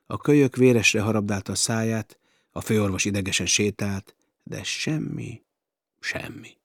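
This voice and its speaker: A male narrator reading an adventure novel with dramatic storytelling. His low, husky voice sits close and dry, with no room around it. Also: no echo. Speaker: audiobook narrator. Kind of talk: scripted narration.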